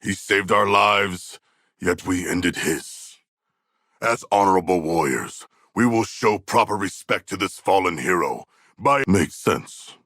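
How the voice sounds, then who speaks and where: A big deep shark demigod warrior for a game, super formal n earnest, slow talker, kinda stilted. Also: male voice, fairly bright tone, no echo, studio quality, exaggerated voice. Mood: solemn, earnest. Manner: formal, stilted, solemn phrasing with few contractions. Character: huge proud shark demigod, earnest, literal-minded, anxious warrior. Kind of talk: video game character dialogue.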